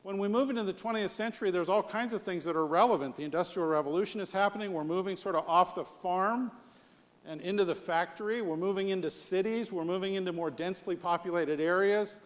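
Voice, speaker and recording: Speaking fast in a high voice, an American man presents on leadership live at a conference. His delivery is conversational and dotted with rhetorical questions, and the hall's reverb lingers.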